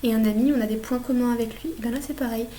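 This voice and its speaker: A woman's voice: a little high, fairly even intonation, fast talker, warm tone, slight background noise. A young woman with a French accent correcting exam questions as a student tutor, explaining steadily with memory tricks. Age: young adult.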